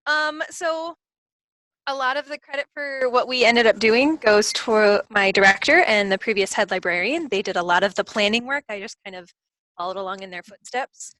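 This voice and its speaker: A woman's voice: medium pitch, normal speed, a bit bright, no room sound, poor audio. A woman librarian speaking as a guest on a video call, chatty and modest. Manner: modest, chatty, laughs easily. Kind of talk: casual video call talk.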